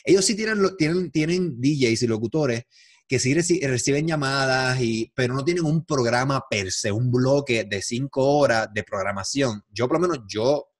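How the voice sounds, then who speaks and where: A man with a Puerto Rican Spanish accent, hosting a podcast in a casual, opinionated chat with quick asides. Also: mid-range voice, no echo, studio quality. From Puerto Rico. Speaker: podcast host. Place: lives in the United States.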